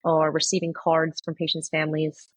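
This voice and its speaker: A woman's voice: low-pitched, completely flat delivery, normal speed, no room sound. A woman, an oncology nurse, telling stories in a chatty way with many fillers on a podcast. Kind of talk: casual podcast chat.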